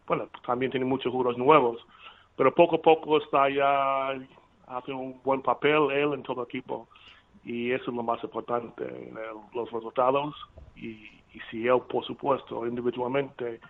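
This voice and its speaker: A middle-aged man calling in to a live radio show over a phone line, talking haltingly and repeating words as he searches for them. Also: mid-range voice, fairly even intonation. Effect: heard over a phone line. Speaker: caller, father of the guest. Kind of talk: live radio call-in chat.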